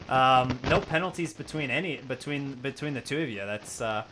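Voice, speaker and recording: A man's voice: mid-range voice, moderate pace, background noise. A man hosting a racing league broadcast, interviewing drivers in an upbeat, rambling way. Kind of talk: post-race interview.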